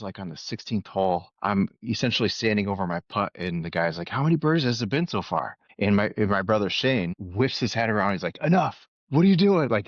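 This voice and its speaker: A man co-hosting a casual podcast, telling stories in an animated way over a dull, dry remote mic. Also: deep voice, no echo. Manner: storytelling, animated. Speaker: podcast co-host. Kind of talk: casual chat.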